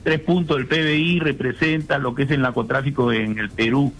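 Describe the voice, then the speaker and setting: A man's voice: mid-range voice, steady tone, brisk, soft background music, poor audio. An older man, a retired general, speaking indignantly as a radio guest and firing off rhetorical questions. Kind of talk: phone-in radio interview.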